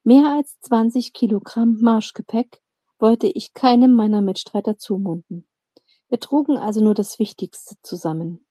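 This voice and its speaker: A woman narrating a fantasy audiobook in a calm, measured storytelling voice. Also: on the high side, no echo. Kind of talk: audiobook reading.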